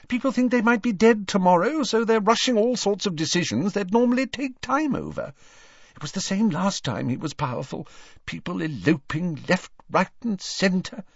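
A flustered, cross middle-aged mother with a raised, brisk voice, as a male narrator puts her on. She speaks in clipped, rushed bursts that swoop up and down, and the recording sounds dull and close. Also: high voice, animated, dry recording, voice pushed up. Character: anxious fussy mother, middle-aged woman.

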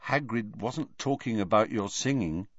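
A man voicing a quiet, steady teenage boy who presses his point in a level voice, in a storybook reading. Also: lowish voice, unhurried, dry recording, highs cut off, pitched above the performer's own voice. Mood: calm.

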